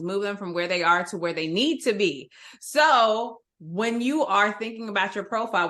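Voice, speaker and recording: A woman's voice: medium pitch, a bit bright. A woman sales trainer teaching in an online workshop, emphatic and direct, over a video call.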